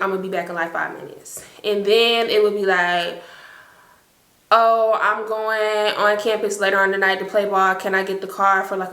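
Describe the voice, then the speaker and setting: A woman's voice: medium pitch, sharp tone, echoey room, low-quality recording. A woman in her late twenties telling a storytime to her viewers in casual chat, chatty and emphatic. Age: late 20s.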